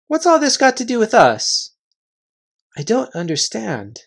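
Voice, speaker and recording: A man voicing a brave, earnest young girl in a storybook, soft-spoken and resolute. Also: extremely high pitch, wildly swooping pitch, unhurried, creaky, voice pushed up, full character voice. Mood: puzzled.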